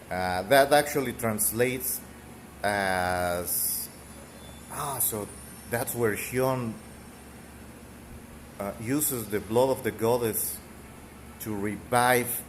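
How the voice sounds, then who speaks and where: A lowish-voiced gaming streamer from Mexico, whose native language is Spanish, rambles through casual game talk in a thick Mexican accent. Fillers and an occasional cough punctuate his commentary, with slight background noise.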